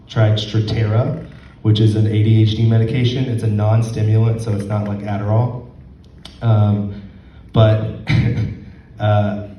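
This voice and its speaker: A young man doing a stand-up set, hoarse as he loses his voice, halting and full of ums with a self-deprecating tone. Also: on the low side, dark tone, slight background noise. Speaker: stand-up comedian. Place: comedy club stage. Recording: roomy, distant, dull lo-fi recording.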